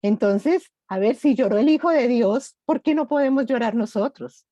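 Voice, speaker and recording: A middle-aged woman speaking gently and reflectively in an online grief workshop. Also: a little high, moderate pace, no room sound, muffled recording. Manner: gentle, reflective, personal examples.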